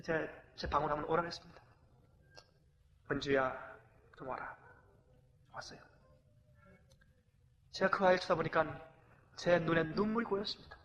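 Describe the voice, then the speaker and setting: High-voiced Korean pastor preaching in a hall. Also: male voice, a little fast, long pauses, highs cut off, slight background noise. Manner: animated, swings from loud exclamations to hushed confession. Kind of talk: emotional sermon with acted anecdotes. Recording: long hall reverb.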